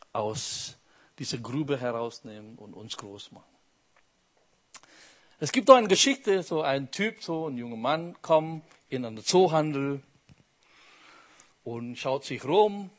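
A man's voice: mid-range voice, expressive, slow, pauses often. A man preaching a sermon with emphasis, asking the congregation questions as he goes.

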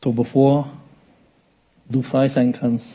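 A male preacher gives a sermon in a relaxed, conversational way, checking in with his listeners again and again. His voice is mellow and a little husky, and he speaks slowly. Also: medium pitch.

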